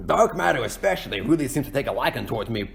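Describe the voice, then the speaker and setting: A man plays a cartoon penguin king in an ASMR roleplay, his voice creaky and gravelly at a middling pitch. He rambles in a folksy way, boasting and feeling sorry for himself, always the aggrieved ruler. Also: very animated, fast talker. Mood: glum, complaining.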